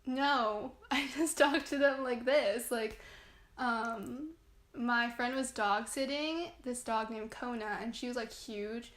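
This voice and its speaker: A woman's voice: fairly high pitch, slow, fairly bright tone, reverberant. A young woman guest in casual chat, rambling with lots of "like" and "um". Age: young adult.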